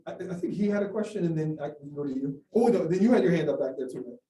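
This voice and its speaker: Man, high voice, mellow tone, hesitant academic speaker, lecture room, roomy and distant. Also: expressive, fast talker. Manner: hesitant, many restarts and fillers. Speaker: guest speaker. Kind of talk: academic Q&A talk. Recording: echoey room from far off.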